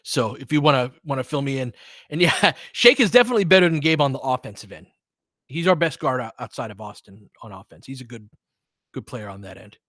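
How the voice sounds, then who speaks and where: Calling a basketball game live for his podcast, this man talks in clipped, informal phrases and trades remarks with listeners in the chat. He's animated and brisk, with a medium pitch and a somewhat bright edge, captured dry at studio quality.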